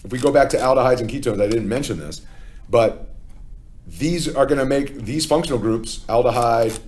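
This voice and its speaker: A man's voice: mid-range voice, moderate pace, darkish tone, a little hiss or hum. A man with a Philadelphia accent, teaching a chemistry lesson step by step and often checking in with "okay?". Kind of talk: classroom lecture.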